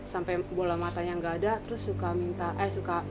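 A woman's voice: on the low side, flat delivery, fast, music in the background. A young woman with a Jakarta-area accent telling a ghost story casually and animatedly in informal Jakarta slang. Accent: Jakarta-area Indonesian. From Indonesia, Cibinong area. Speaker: storyteller in a group chat. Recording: clearly noisy room ambience.

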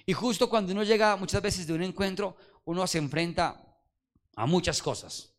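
A man preaching a Sunday sermon, calling out to the congregation and swinging from loud exhortation to quiet low asides. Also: normal speed. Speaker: pastor. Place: church service.

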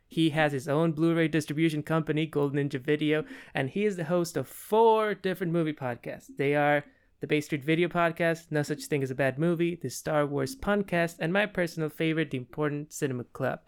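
A man's voice: on the high side, brisk, smooth. A man hosting a podcast interview, delivering eager, scripted introductions and questions. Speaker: podcast host.

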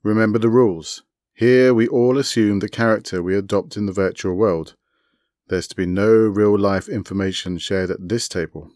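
A man's voice: lowish voice, steady tone, moderate pace, darkish tone, no echo, studio quality, lightly acted. A man reading a short story aloud, voicing a pompous, formal male club host with courtly, commanding manners.

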